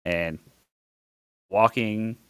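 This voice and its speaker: A man in his forties, a guest on a podcast, telling his story in a relaxed, self-deprecating way with many fillers. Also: lowish voice, very slow, smooth, no echo. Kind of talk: casual podcast interview.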